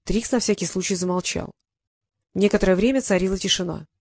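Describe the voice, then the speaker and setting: A woman reading a novel aloud as audiobook narrator, in an even, measured way. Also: medium pitch, creaky, no echo, studio quality. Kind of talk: scripted narration.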